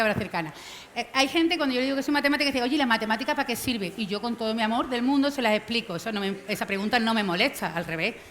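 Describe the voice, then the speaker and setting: A middle-aged woman giving a lively popular science lecture, theatrical and self-mocking, acting out the voices of people she quotes. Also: on the high side, slight background noise. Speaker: mathematician giving a public lecture. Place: outdoor science fair stage.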